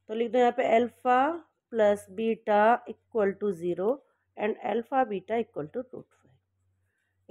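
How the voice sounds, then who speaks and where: Higher-voiced woman teaching a maths lesson. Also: darkish tone. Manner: checks in often, corrects own slips. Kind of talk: step-by-step board lesson.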